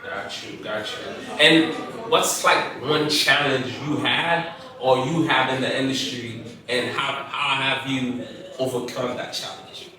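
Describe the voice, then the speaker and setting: Male host from Haiti, mid-pitched and easygoing; very roomy sound, far from the mic, crowd audible. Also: slow pace. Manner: easygoing, agreeable backchannels. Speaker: podcast host. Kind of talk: casual interview chat.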